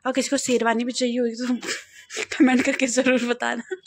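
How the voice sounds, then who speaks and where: A woman's voice: fairly high pitch, level tone, moderate pace. A young woman with an Uttarakhand Hindi accent, vlogging in a playful, chatty way as she shows her wedding album and laughs often. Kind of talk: casual chat to camera.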